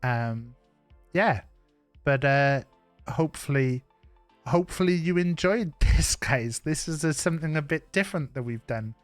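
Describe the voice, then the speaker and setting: A man's voice: fairly high pitch, lively intonation, measured pace, no echo, soft background music. A Welsh man hosting a live stream, chatting casually and teasing, rambling with fillers. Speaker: streamer host. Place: home streaming setup.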